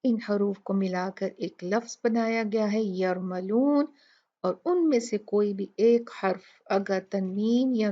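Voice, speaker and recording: A woman teaching a Quran recitation lesson. She explains each letter methodically and models slow recitation. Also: medium pitch, mellow. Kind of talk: tajweed tutorial. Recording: dull lo-fi recording.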